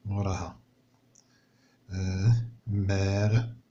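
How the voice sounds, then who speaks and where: A man's voice: sits low, level tone, drawn-out words, mellow, a little hiss or hum. Patient Moroccan male teacher, muffled recording. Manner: patient, explanatory, repeats and checks understanding. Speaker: primary school teacher. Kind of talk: explaining a French textbook lesson in Moroccan Arabic.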